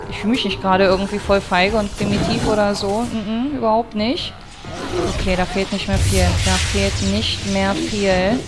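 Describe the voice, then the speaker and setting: Panicky woman gamer over game music. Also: mid-range voice. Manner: excitable, panicky outbursts, swearing, rambling fillers. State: sweaty and stressed. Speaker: let's play gamer. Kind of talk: live gameplay commentary.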